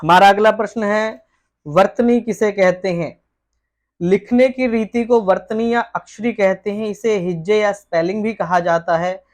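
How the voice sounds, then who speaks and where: A woman tutor giving an exam-prep lesson. She poses each question aloud, then reads out a formal, textbook-style answer at a steady, measured pace. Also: medium pitch.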